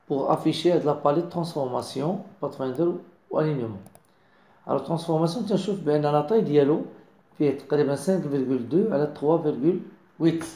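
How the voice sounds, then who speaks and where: A man with a Moroccan accent giving a software design tutorial, mixing in French words and often checking that viewers follow. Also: on the high side, reverberant. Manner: mixes French into explanations, keeps checking understanding. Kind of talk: screen-recorded software tutorial.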